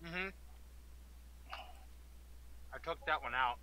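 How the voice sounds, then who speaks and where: A man's voice: on the high side, slow pace, bright, forceful tone. A man playing a farming game with friends, chatting casually and ribbing them in a dry, matter-of-fact way. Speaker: co-player on a stream. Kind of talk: casual gaming chat. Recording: dull lo-fi mic with faint noise.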